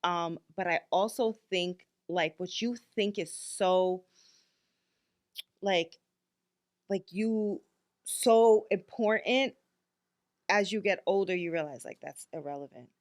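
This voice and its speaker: Speaking in a lowish voice, slowly and with frequent pauses, this fifty-something woman co-hosts a podcast. It's casual chat, and she's blunt and candid, peppering her speech with the filler like.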